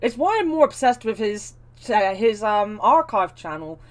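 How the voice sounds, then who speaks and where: A woman's voice: medium pitch, very animated, moderate pace. A woman chatting casually while streaming a video game.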